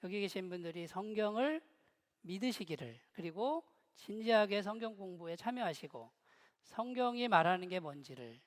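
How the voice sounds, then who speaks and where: Middle-aged male pastor, high voice, humorous storytelling sermon, long hall reverb. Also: animated, moderate pace. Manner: humorous storytelling, joking with the congregation. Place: church hall.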